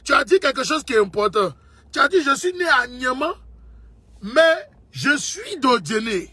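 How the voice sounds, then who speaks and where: An Ivorian political commentator delivers a passionate monologue, pressing his points again and again and addressing the listener as a brother. His voice is very high-pitched and very animated, yet unhurried, with a pushed, bright sound and a breathy edge.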